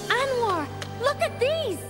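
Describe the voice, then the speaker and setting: A woman's voice: very high voice, big pitch swings, takes it slowly, exaggerated voice. A woman voicing a plucky, confident female mouse adventurer in a cartoon. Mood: concerned. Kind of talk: cartoon voice acting. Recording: loud music behind.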